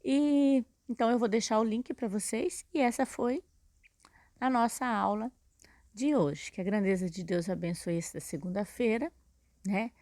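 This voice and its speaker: A woman's voice: a little high, moderate pace, a little mellow, dry recording. A woman teacher with a Brazilian Portuguese accent giving a recorded lesson, explaining step by step and checking in with "né?" and "tá?". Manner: patient, explains step by step with many "né?" and "tá?".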